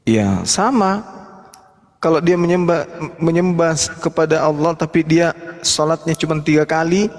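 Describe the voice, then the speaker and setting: A man's voice: fairly high pitch, unhurried, big-room sound. A man hosting a live-streamed religious discussion, talking bluntly and with mockery. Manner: blunt, mocking. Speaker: host.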